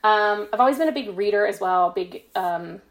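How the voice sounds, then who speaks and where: A young American woman, a fan fiction writer appearing as a podcast guest, shares personal anecdotes in casual chat. She speaks at a medium pitch and normal speed with a modest, self-deprecating manner.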